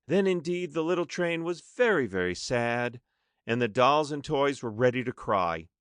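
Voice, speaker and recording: A man's voice: medium pitch, expressive, moderate pace, clean tone, no room sound. A man narrating a children's story expressively, with dramatic emphasis as an audiobook narrator.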